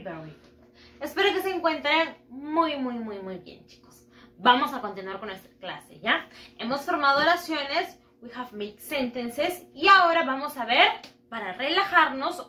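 A woman teaching English to schoolchildren, going slowly through repeat-after-me drills and mixing English and Spanish with frequent praise. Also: high voice, bright, forceful tone. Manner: slow, drawn-out drilling with repeat-after-me prompts; switches between English and Spanish, praising often. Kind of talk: bilingual classroom teaching video. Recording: echoey room, mic at a distance.

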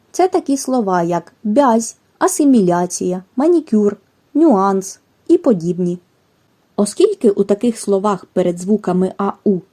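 A woman giving a scripted language lesson, reading rules and examples in a careful, measured way. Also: lowish voice, dark tone. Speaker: language teacher. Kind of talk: scripted educational narration.

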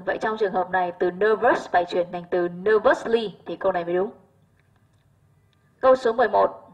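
A patient woman teacher whose first language is Vietnamese walks through an English exam question by question, stopping often to ask if her students follow. Her voice is slightly husky and sits at a middle pitch. The recording is dull and lo-fi. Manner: patient, checks understanding with frequent "right?". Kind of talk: exam answer walkthrough.

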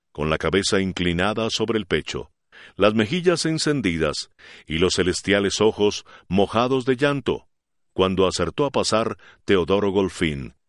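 Expressive male audiobook narrator, low voice. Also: dry recording, clean studio sound. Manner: expressive, dramatic reading. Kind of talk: scripted narration of a classic novel.

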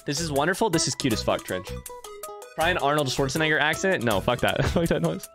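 A man's voice: fairly high pitch, lively intonation, brisk. A man chatting loosely while playing a video game, swearing freely and joking with his chat. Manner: loose and profane, jokey. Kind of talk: casual let's-play commentary. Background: game music.

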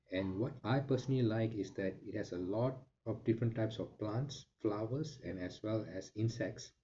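A man's voice: fairly low pitch, mellow, lo-fi sound. A young man hosting a casual travel vlog, explaining things in a friendly way with some fillers. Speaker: vlog host.

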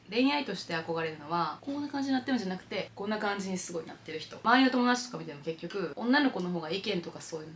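A woman's voice: medium pitch, a little hiss or hum. A young woman with a Kansai Japanese accent, chatting playfully through viewer questions in a vlog. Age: young adult. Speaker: YouTuber. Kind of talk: casual Q&A vlog. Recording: music playing underneath.

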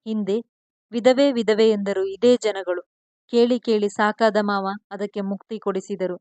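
Woman storyteller, scripted story narration, measured, expressive, medium pitch, dry close sound. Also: dry recording.

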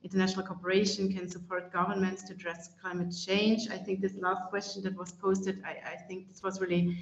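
A woman's voice: medium pitch, little pitch movement, fairly quick, creaky. A woman climate expert giving a webinar presentation over a video call, speaking hesitantly with many fillers and restarts. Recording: echoey, dull-sounding video call audio.

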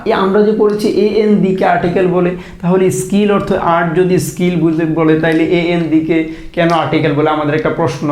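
High-voiced man teaching in an echoey room. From Bangladesh. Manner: lively, questioning, repeats and stretches words slowly to show pronunciation. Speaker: English vocabulary teacher. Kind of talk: explanatory lesson.

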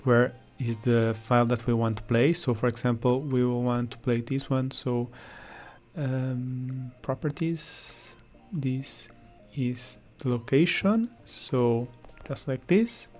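A man's voice: mid-range voice, fairly even intonation, slow pace, darkish tone, faint music behind. A man, not an English speaker, walks through a coding tutorial in a hesitant way, with many fillers as he searches for words. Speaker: software tutorial presenter. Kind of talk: screen-recorded coding walkthrough.

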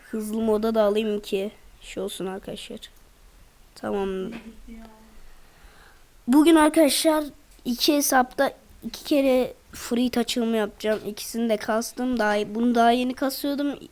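A woman's voice: a little high, fairly even intonation, normal speed, a little mellow. A woman chatting casually to viewers over gameplay, constantly addressing them as she plays. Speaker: gaming channel host.

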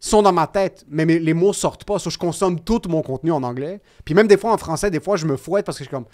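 A man with a Québécois accent, a comedian guest telling animated, self-mocking stories in casual podcast chat, swearing often. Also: a little high, quick pace. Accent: Québécois French. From Quebec.

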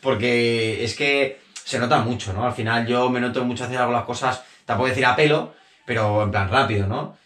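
A Spanish man in his thirties chats quickly and animatedly, piling on fillers and restarts as he hosts a relaxed interview. He sits on a sofa in a small room, picked up by a camera a few feet away, and the walls give his voice a noticeable echo. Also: mid-range voice. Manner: chatty, animated, gesturing with hands, many fillers and restarts. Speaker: interviewer, channel host. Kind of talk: casual sit-down interview. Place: small bedroom sitting on a sofa. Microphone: camera on a tripod a few feet away.

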